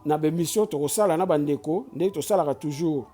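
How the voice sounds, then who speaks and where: Faint music plays behind a channel host from Kinshasa, Congo, who has a Congolese French accent and a mellow, medium-pitched voice. At a quick pace he gives an impassioned, urging, preachy address in a mix of Lingala and French, frequently restarting and stammering.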